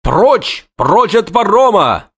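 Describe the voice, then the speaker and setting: A man voicing a coarse, bandaged male soldier on horseback who shouts orders at a crowd. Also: sits high, sing-song, takes it slowly, slightly rough, pitched above the performer's own voice, exaggerated voice. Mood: furious.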